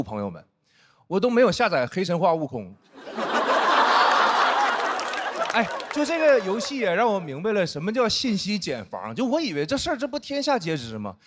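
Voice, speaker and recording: Lively stand-up comedian with twang. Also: male voice, sits high. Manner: animated storytelling, acting out friends' teasing. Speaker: stand-up comedian and head writer. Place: stage before a live audience. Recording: stage mic with audience laughter and noise.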